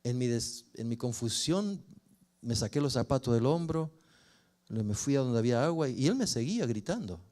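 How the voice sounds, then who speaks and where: An older man, a pastor telling a personal story in a sermon with expressive rises and falls. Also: medium pitch, moderate pace. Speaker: pastor and family counselor.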